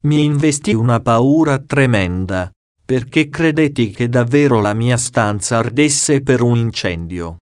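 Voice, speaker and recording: A man reading a diary aloud as an audiobook, slow, measured and solemn. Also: mid-range voice, expressive, darkish tone, dry recording, studio quality. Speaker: audiobook reader.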